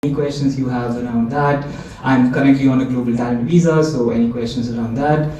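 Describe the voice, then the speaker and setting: A man's voice: medium pitch, steady tone, fairly quick, mellow, lo-fi sound, slight background noise. A man introducing himself on a careers panel in a casual way, with many fillers. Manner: casual, lots of ums. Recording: echoey lecture theatre from far off.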